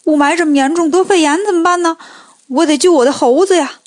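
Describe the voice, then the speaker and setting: A woman doing a cheeky squeaky monkey king. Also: lively intonation, moderate pace, no echo, studio quality. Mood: indignant. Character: mischievous male monkey king, quick and cheeky.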